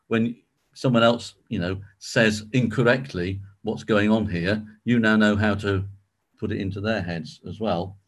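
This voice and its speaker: Guy with a lowish voice leading a bible study, chatty explaining, lots of ums and restarts. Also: breathy edge. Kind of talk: informal teaching talk.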